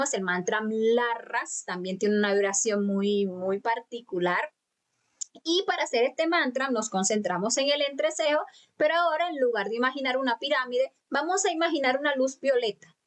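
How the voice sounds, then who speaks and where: A woman teaching a live online lecture, speaking calmly and patiently to students and stretching out chanted syllables. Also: on the high side. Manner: calm, patient instruction with drawn-out chanted syllables; speaks directly to students, many fillers and restarts. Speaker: spiritual teacher. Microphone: computer mic for video conference.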